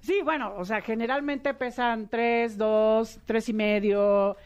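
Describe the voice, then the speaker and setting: Therapist guest, middle-aged woman, expressive, slightly high voice. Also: slow, clear, resonant tone. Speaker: psychotherapist guest. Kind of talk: casual interview chat.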